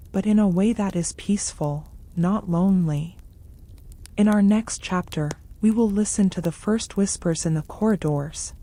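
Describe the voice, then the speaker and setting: A woman narrates a gentle story meant for sleep. Her voice is dark, relaxed and a little low, with a hushed softness. She moves very slowly through each measured phrase, keeping the delivery soothing.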